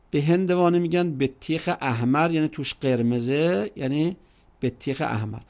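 A man's voice: mid-range voice, vocal fry, a little mellow. A man teaching an Arabic grammar lesson, explaining patiently, drawing words out and asking rhetorical questions.

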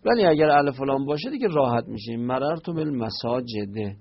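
A man's voice: fairly high pitch, big pitch swings, slightly rough, highs cut off. A man teaching a grammar lesson, explaining step by step and raising questions, then answering them himself. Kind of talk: Arabic grammar lesson on Quranic verses.

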